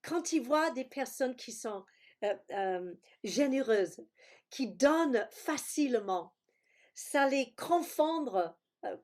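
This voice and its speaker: Woman preacher on a video call, talks slow, bit of a high voice, gropes for words, says alleluia a lot. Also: expressive, darkish tone. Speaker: pastor. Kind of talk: sermon teaching over video call.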